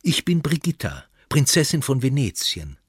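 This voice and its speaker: A man voicing a calm, fearless little girl princess in a storybook reading, composed and unflappable. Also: mid-range voice, normal speed, husky, dry recording, studio quality, voice pushed up, exaggerated voice.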